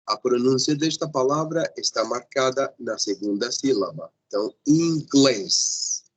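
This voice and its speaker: A male teacher giving a grammar lesson, patient and repetitive, often pausing to check that the class follows. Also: medium pitch, husky, low-quality recording.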